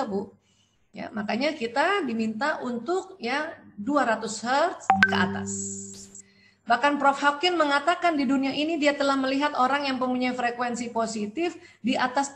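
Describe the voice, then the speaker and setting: A middle-aged woman doctor giving a lecture, animated and asking and answering her own questions. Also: high-pitched, a little hiss or hum.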